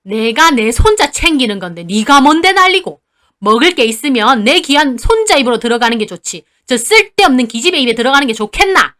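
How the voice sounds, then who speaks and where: A woman voicing a sharp-tongued old grandmother with a Gyeongsang dialect, scolding loudly. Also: a little high, big pitch swings, normal speed. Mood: indignant. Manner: scolding, loud and harsh.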